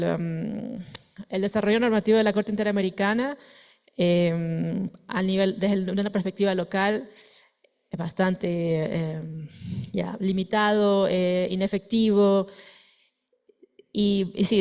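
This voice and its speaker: A woman's voice: mid-range voice, gravelly, a little mellow, smooth. A woman from Ecuador speaking as a panelist in an academic discussion, hesitant, with many fillers and restarts.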